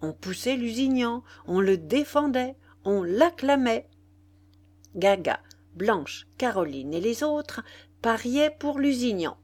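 Slow, expressive woman reading a novel. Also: mid-range voice. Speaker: audiobook reader. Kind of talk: literary audiobook narration.

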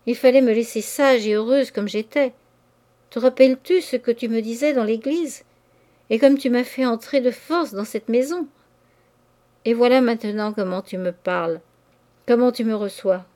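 An anxious older woman pleads in a plaintive, imploring tone, voiced by a woman reading a novel aloud. Her voice sits a little high, delivered in steady storybook narration. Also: unhurried, close to an everyday voice. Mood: pleading.

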